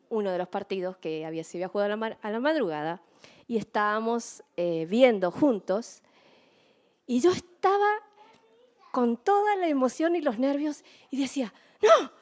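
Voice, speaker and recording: A middle-aged woman preaching a sermon, telling stories in an animated way and acting out her own excited shouts. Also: on the high side.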